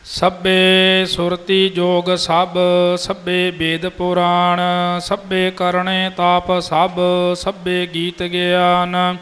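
A man chants scripture in a slow, sung-through line. His voice sits high and barely moves in pitch. The recording carries a long hall reverb with faint music underneath. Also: monotone, fairly bright tone. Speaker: scripture reciter.

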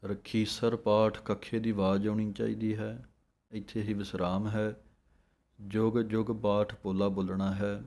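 Slow, low-voiced man teaching recitation. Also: flat delivery, creaky, a little mellow. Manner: recites verses slowly and drawn out, then explains. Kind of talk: slow recitation lesson with pronunciation notes.

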